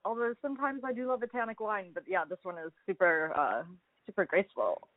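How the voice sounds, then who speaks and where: A woman's voice: mid-range voice, brisk, dry recording. A woman hosting a casual wine interview, easygoing and laughing often as she asks her questions. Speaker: podcast host. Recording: thin phone-like line, dry.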